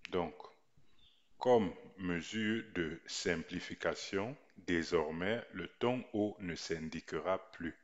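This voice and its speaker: A man teaching a writing lesson in a slow voice-over, repeating each point deliberately. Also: deep voice, muffled recording. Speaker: language teacher.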